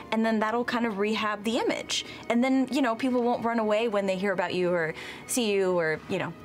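A young woman chatting casually in character as a tabletop game player, peppy and chatty with valley-girl phrasing. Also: on the high side. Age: young adult. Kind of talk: casual in-character improvised chat. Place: indoor studio set dressed as a tavern.

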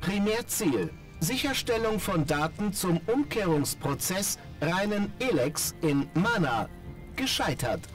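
A man's voice: sits high, big pitch swings, unhurried. A man voicing a malfunctioning male combat robot that keeps reporting system errors in clipped, toneless machine reports, in a video game. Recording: distant game audio with music.

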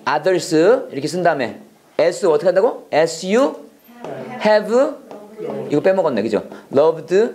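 A Bible school teacher giving a lecture that mixes English lessons with preaching, animated and quick to laugh at their own slips. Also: medium pitch.

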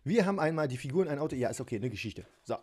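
Filmed from overhead at a home tabletop, this vlogger builds a toy set while chatting, giggling and mocking himself. His mid-range voice is sing-song, a little mellow and husky. He speaks in a rapid-fire way.

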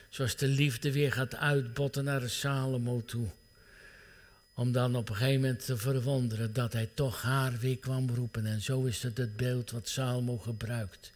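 Man, middle-aged, pastor, earnest sermon, mid-range pitch, hushed tender passages. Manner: earnest preaching, drops to a hushed near-whisper at tender moments.

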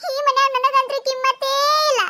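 A woman voicing a loud, quarrelsome young village wife in a cartoon, ranting and scolding in a North Karnataka Kannada accent. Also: monotone, brisk, heavily acted. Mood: complaining. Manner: shrill scolding rant. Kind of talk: cartoon voice acting.

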